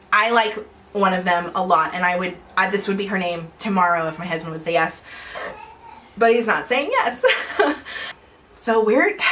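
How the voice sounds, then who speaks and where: A woman's voice: medium pitch, bright, forceful tone, a little hiss or hum, poor audio. A young adult woman vlogging at home in casual chat to camera, chatty and rambling with frequent small laughs.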